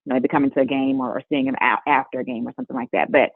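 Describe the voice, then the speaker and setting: A middle-aged woman being interviewed, telling stories in a lively way and laughing often. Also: a bass voice, racing, vocal fry, no room sound. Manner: lively storytelling with frequent laughs. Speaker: guest, mother of an NBA player. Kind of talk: conversational interview storytelling. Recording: tinny phone-line audio, dry.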